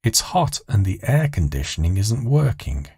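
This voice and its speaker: A man's voice: lowish voice, very animated, normal speed, darkish tone, husky, dry recording, studio quality, heavily acted. A man voicing a prim, fussy British woman passenger who complains bitterly in an audio story. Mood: complaining.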